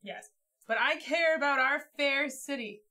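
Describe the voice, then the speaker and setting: Bright chatty woman at a board game table. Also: high-pitched, measured pace. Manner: chatty, thinks aloud while playing. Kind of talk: casual board game chat.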